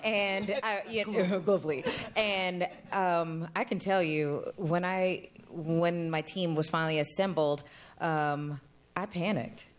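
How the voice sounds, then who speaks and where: A woman's voice: fairly low pitch, fairly even intonation, slow, a little hiss or hum. A woman on a discussion panel who leads a team, speaking earnestly and candidly.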